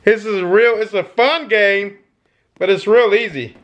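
A middle-aged man giving casual gameplay commentary into a headset mic, breaking into excited shouts and yelps. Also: high voice, measured pace, highs cut off. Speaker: gaming YouTuber. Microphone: gaming headset.

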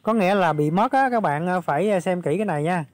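Guy vlogging, kinda hoarse today, highish voice, lots of uh fillers, dry close sound. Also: expressive, quick pace, dry recording. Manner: chatty, many fillers, addresses viewers directly. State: slightly hoarse. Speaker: crypto channel host. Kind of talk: casual screen walkthrough vlog.

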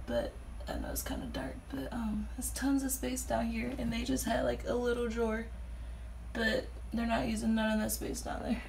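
Inside a small travel trailer under renovation, a chatty woman vlogger films a casual walkthrough with her phone as she walks, calling viewers "y'all" and whispering now and then. She speaks at normal speed in a fairly high, creaky voice, over noisy audio with sanding in the background.

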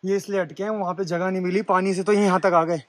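A man's voice: sits high, steady tone, fast, fairly bright tone. A young man filming his friend outdoors, chatting casually and explaining things with a joking, know-it-all manner. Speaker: vlogger's friend and cameraman. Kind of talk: casual chat. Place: outdoors by a waterfall. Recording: outdoor waterfall noise.

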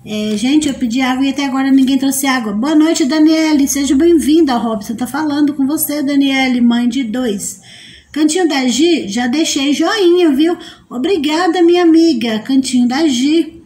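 A woman's voice: high-pitched, normal speed, a little mellow. A woman hosting a casual live stream, reading out viewer comments, greeting people by name and teasing them playfully.

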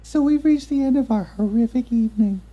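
A woman's voice: on the high side, fairly quick, dark tone, lo-fi sound, natural voice. A woman voicing a coy ghoul scream queen who politely questions her dates in a comedy animation.

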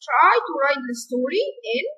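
A woman teaching a primary school English class, reading out the answers slowly and deliberately and repeating her instructions. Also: sits high, expressive, pushed and bright, low-quality recording.

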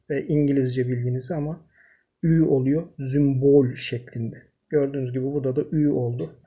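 Male teacher, husky and mellow, steady explainer speaking straight to his students. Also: medium pitch. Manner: explains step by step, addresses viewers directly. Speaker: language teacher. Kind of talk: screen-recorded language lesson.

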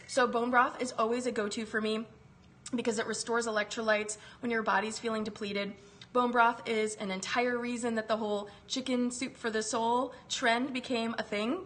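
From her home kitchen, a woman in her thirties hosts a wellness live stream, getting over a chest virus and calling out viewers by name. Her voice is a little high with a fairly bright tone, and a phone camera records her up close.

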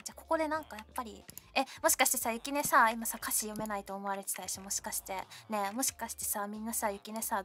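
A woman's voice: mid-range voice, pushed and bright. A young woman streaming a game, chatting and teasing her viewers in a playful, talkative way. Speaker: VTuber streamer. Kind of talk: casual game stream chat. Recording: faint music behind voice.

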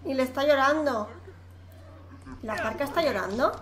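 A high-pitched woman narrates her game in an animated, teasing way, often breaking into laughter. The room sounds echoey, and a steady hiss of noise sits behind her voice. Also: moderate pace. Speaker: gaming youtuber. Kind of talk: excited gameplay commentary.

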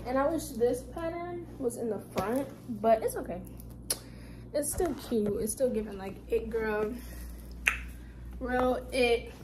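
A young woman talks straight into her phone camera, rambling and chatty, and keeps circling back with fillers. The recording is rough, with clear background noise under her voice. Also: on the high side, animated, unhurried. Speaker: vlogger. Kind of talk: casual vlog chat.

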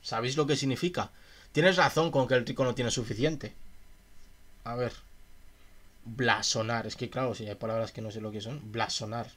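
A man with a medium-pitched, slightly bright voice speaks at normal speed with long pauses during a casual livestream. He reads philosophy passages aloud, then muses about them with his chat in a chatty, questioning way.

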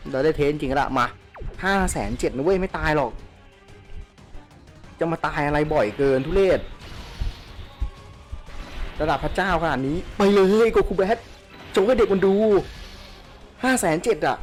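A man giving casual gameplay commentary as a channel host, excitable and crude, often yelling at the game characters as they fight. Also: fairly high pitch, moderate pace, pauses often, soft background music.

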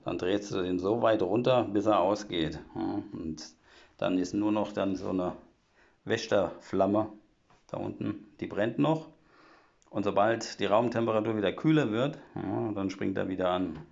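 A man with a very low, gravelly voice chats his way through a home tour, explaining each thing step by step and padding his talk with fillers. The sound is dull and lo-fi, picked up by a phone as he walks around indoors. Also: a little slow, a little mellow. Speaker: vlogger giving a home tour. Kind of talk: casual walkthrough chat. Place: old half-timbered house, indoors. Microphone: phone camera held while walking.

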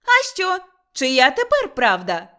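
A woman's voice: high voice, wildly swooping pitch, takes it slowly, pushed and bright, voice pushed up, full character voice. A woman voicing an indignant older peasant mother-in-law who shrieks her complaints. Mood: indignant shrieking.

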